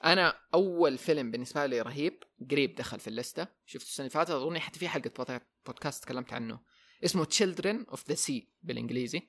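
Young man, rapid podcast host, rambles and repeats himself, mid-pitched voice, mixes english in. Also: lively intonation, a bit bright. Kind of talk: casual podcast chat.

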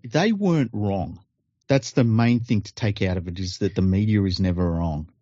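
A man co-hosting a podcast, chatting casually in a deadpan, teasing, sweary way. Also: lowish voice, moderate pace, dry recording, highs cut off. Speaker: podcast co-host. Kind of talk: casual chat.

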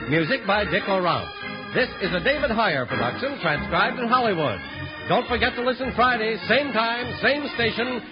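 An American man reading credits and sponsor lines as an old radio announcer, with a polished, emphatic showman delivery. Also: high voice. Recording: dull vintage radio recording with music.

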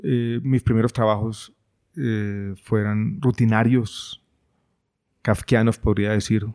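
Middle-aged guy, thoughtful, kinda low voice, lots of little pauses. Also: fairly even intonation, a little mellow. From Colombia. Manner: thoughtful, measured, with frequent hesitations. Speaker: interview guest. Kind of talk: reflective conversation.

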